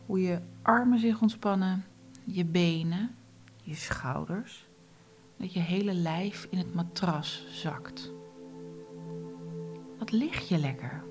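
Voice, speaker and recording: A woman guiding a relaxation meditation, speaking softly and often in a whisper. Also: lowish voice, faint music behind. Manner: slow, soft, often whispered instructions. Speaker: meditation guide.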